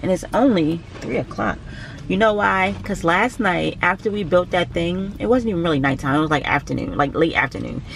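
A young woman talks to a handheld camera in a parked car. Her easygoing, tired chatter swings widely in pitch. Faint traffic noise hums behind her. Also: lively intonation, brisk, gravelly. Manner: chatty, tired and cranky, with laughs. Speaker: vlogger. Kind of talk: casual vlog chat. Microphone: handheld camera close by.

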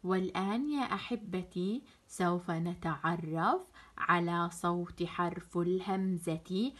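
A woman teacher giving a children's phonics lesson, drawing out letter sounds and repeating them for drilling, with warm praise. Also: lowish voice, takes it slowly. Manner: praising, encouraging.

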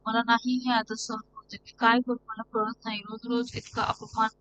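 Woman speaking as a gentle patient young wife. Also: on the high side, normal speed, highs cut off, lightly acted. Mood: distressed. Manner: soft, self-talk, pleading. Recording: steady background hum.

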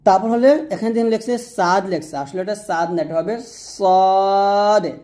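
A woman with a Bangladeshi Bengali accent teaching Arabic letter pronunciation, patiently repeating each sound slowly. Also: mid-range voice, warm tone. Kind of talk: explaining letter by letter.

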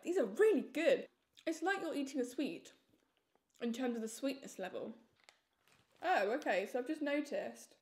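High-voiced young woman reviewing crunchy snacks. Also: a little mellow. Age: young adult. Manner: enthusiastic, repeats words for emphasis. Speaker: food reviewer. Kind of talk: casual snack review to camera.

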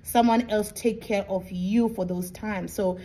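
A woman chatting casually in a home vlog, warm and emphatic, repeating phrases for effect. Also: mid-range voice, steady tone, unhurried. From Botswana. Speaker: vlogger.

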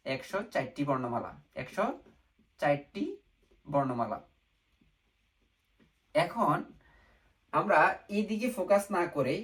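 A man's voice: fairly high pitch, rough recording. Male teacher, patient stepwise lesson narration, repeats key points, drops in English words. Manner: repetitive, asks and answers own questions; mixes English words into Bengali. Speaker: Japanese language teacher.

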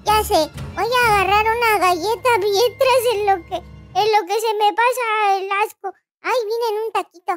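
A woman with a very high, bright voice narrates a playful game role-play for young viewers. She swings into squealing, over-the-top exclamations, and cheerful children's music plays clearly behind her. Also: moderate pace. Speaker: gaming YouTuber. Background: cheerful children's background music.

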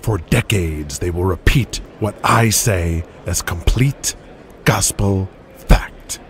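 In an audio drama, a male actor plays a ruthless, controlling wrestling promoter, lecturing in a cold manner. His voice is low and slow, with a little hiss or hum in the recording.

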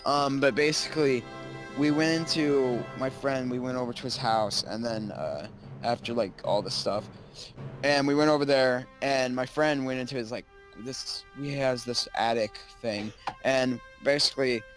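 A man's voice: mid-range voice, moderate pace, fairly bright tone. Young guy rambling thru a spooky story, lots of ums, faint music behind. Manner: rambling, many fillers. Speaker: friend on the stream. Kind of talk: casual storytelling.

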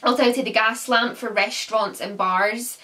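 A chatty young woman from the UK talks through her travels with a bright, forward voice, sprinkling in "um" and "like". She is recorded on a camera set a little way off in her small bedroom, so her voice sounds slightly distant. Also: on the high side, steady tone, a little fast. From United Kingdom. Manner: chatty, with frequent "um" and "like". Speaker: travel vlogger. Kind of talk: casual travel recap to camera.

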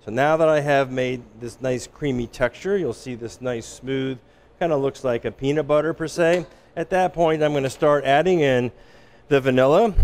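A man working as a chef instructor, giving a relaxed, explanatory cooking demonstration in an instructional kitchen. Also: medium pitch. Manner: relaxed, explanatory, with frequent restarts.

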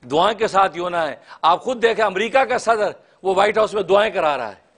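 A high-pitched middle-aged man preaches with fervor in an Urdu accent. He gestures broadly and swells to near-shouts when quoting. He is recorded close on a lapel mic in a small studio room. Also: lively intonation, brisk. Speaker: mufti, religious speaker. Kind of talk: sermon-style address.

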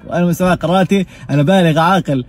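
A young man from Gaza with a Gazan Arabic accent, talking in a casual personal monologue and swearing oaths for emphasis. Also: on the high side. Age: young adult. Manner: emphatic, swears oaths often, talks rapidly. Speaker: vlogger.

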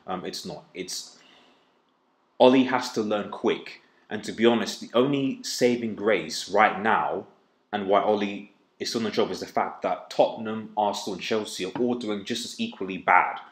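A man's voice: on the low side, normal speed. A man hosting a fan channel, giving a frustrated, emphatic post-match reaction and repeating words for stress. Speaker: football fan channel host. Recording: echoey room.

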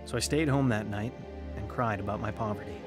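Somber and reflective over background music, a lead actor narrates dramatized first-person radio testimony as a troubled young man searching for something. He speaks a little fast in a fairly low voice that stays close to everyday speech, delivering his story earnestly.

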